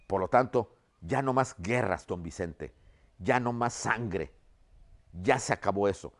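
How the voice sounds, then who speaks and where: A man's voice: fairly low pitch, unhurried. A man voicing a proud, persuasive male general who pleads for peace and union in a storytelling lesson. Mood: earnest.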